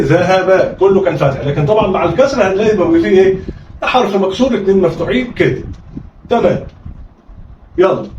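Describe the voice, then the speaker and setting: A man's voice: high-pitched, darkish tone, a little hiss or hum. A man with an Egyptian accent teaching children to read Arabic, coaxing them through call-and-response drills and prompting them again and again. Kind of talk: children's reading lesson. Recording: roomy, distant, slightly dull audio.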